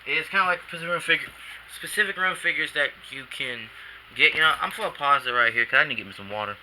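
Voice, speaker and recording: Bright-voiced man rambling about toys. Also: a little high, fast talker, a little hiss or hum, poor audio. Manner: rambling, self-correcting, casual slang. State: drowsy after a nap. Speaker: toy reviewer. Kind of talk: casual figure review vlog. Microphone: camcorder.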